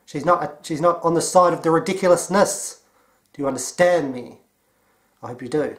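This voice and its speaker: A man with an Australian accent giving a mocking, deadpan commentary. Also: fairly high pitch, moderate pace. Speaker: commentary vlogger. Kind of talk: sarcastic commentary.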